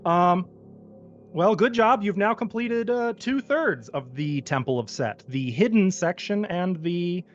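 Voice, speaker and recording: A man narrates a tabletop game with an animated, widely moving pitch and chats casually with the players. The audio is slightly muffled, with soft music underneath. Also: unhurried. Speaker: game master. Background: faint music.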